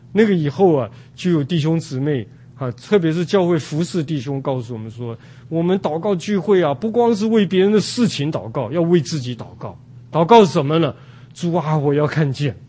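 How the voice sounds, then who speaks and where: An older man from Taiwan preaching a sermon at an unhurried pace, with many drawn-out "ah" fillers. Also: fairly high pitch, mellow, slightly rough.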